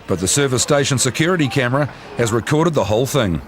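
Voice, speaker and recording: A man's voice: mid-range voice, lively intonation, fast. New Zealand man narrating over street noise. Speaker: narrator of a police reality TV show. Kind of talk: scripted documentary narration.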